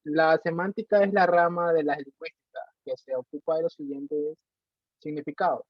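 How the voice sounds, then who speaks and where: Man, fairly high voice, plain class reading, muffled sound. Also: fairly even intonation, normal speed, dry recording. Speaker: student presenter. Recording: dry, dull lo-fi call audio.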